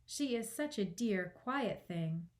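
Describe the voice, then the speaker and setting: A woman's voice: medium pitch, animated, takes it slowly, a little mellow. A woman voicing an eager, polite young girl who chatters earnestly and apologises readily, in a children's storybook reading. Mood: soothing, fond.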